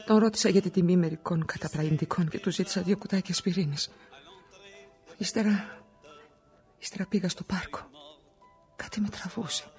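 A woman's voice: medium pitch, darkish tone, close to an everyday voice. An actress playing a frightened, exhausted immigrant wife of an injured worker, pouring out her fears in a radio drama. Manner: emotional, confessional monologue.

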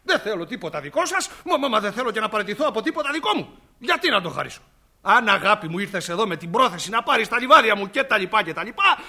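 A blustering older landowner who talks down to the young man and keeps trailing off with "and so on", as a man plays him. The voice sits very high and piercingly sharp, in the style of a stage comedy. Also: big pitch swings, heavily acted. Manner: blustering, patronizing, repeats "and so on". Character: older male landowner, blustering fond father. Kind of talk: stage play acting.

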